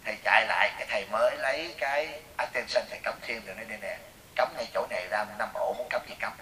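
A man with a Southern Vietnamese accent, giving a Buddhist sermon as a teacher and telling lively stories that question the audience. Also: lowish voice, fast talker. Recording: echoey room, voice from far off, faint hiss.

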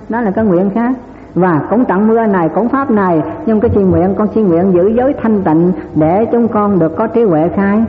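A man's voice: sits high, slight background noise. A man giving a Buddhist dharma talk, asking his listeners rhetorical questions with chuckling asides. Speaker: Buddhist teacher. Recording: echoey hall over tinny lo-fi line.

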